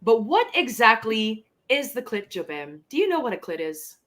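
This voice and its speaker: A woman's voice: on the high side, sing-song, moderate pace, a bit bright. A woman with a Filipino English accent co-hosting a casual comedy podcast, teasing and playful. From Philippines. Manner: playful, teasing, laughs often. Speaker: podcast co-host.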